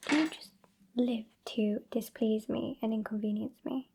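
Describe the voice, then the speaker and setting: Against a noisy background, a woman whispers as a British-accented, sassy old female vampire in an ASMR roleplay, softly and condescendingly scolding her fledgling in exasperated scorn. Her voice is a little high, breathy, and fairly even at a moderate pace, sounding close to her everyday voice.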